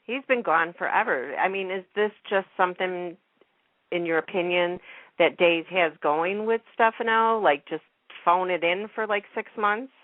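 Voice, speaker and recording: On a narrow, phone-like radio line with no room sound, a woman hosting a show chats informally about soap operas, gushing and repeating her words often. Her voice is lowish and her pace moderate.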